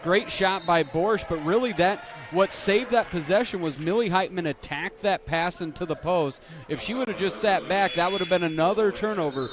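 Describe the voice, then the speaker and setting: A man with a high-pitched voice provides color commentary on a basketball game, breaking down strategy analytically like a coach. He talks at a normal speed with few pauses. It's a broadcast recording with loud gym noise in the background.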